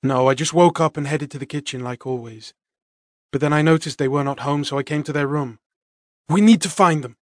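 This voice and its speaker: A man's voice: fairly high pitch, a little fast, no room sound, clean studio sound, natural voice. A man voicing a distressed young man in an audiobook, his speech shaken and breaking.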